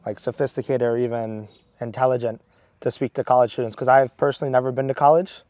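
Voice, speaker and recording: A man's voice: mid-range voice, level tone, quick pace, darkish tone, no echo. A man in his twenties from Maryland, a seminarian earnestly telling a story with many restarts. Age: 20s. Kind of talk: casual storytelling.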